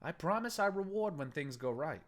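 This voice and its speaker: Here a man's own voice, on the high side but pushed up further, stays animated at a moderate pace as he reads a story aloud. He voices a furious male gang boss who swears, threatens loudly, then coaxes, in audiobook character style.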